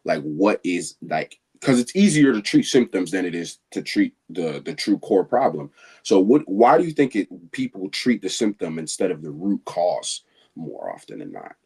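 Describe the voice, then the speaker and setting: A man's voice: deep voice, sing-song, moderate pace, creaky, warm tone, slightly rough. A man speaking earnestly in a live Q&A, rambling a little and filling his talk with "like". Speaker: guest asking questions. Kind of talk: casual conversation.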